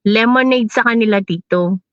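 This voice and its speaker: A woman's voice: a little high, normal speed, a bit bright, no echo, muffled recording. A woman chatting casually as host, mixing Tagalog and English and laughing often. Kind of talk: casual chat. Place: abroad in New Zealand.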